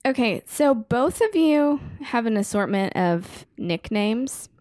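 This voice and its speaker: A middle-aged woman hosting a casual family podcast, asking her kids questions in a gentle, upbeat way. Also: a little high, lively intonation, takes it slowly, dry recording, studio quality.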